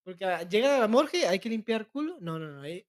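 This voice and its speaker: A man's voice: sits high, very animated, fast talker. A young Mexican man co-hosting a podcast, telling crude jokes and stories in casual banter. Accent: Mexican Spanish. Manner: joking, storytelling with wild swings in loudness. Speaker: podcast co-host.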